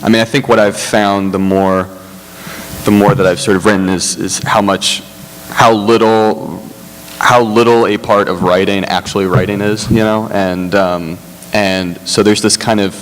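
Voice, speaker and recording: A male screenwriter speaks haltingly on a panel, full of restarts and self-deprecation. His voice sits very low. Long hall reverb and a faint hum hang behind him. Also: little pitch movement. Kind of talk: panel discussion.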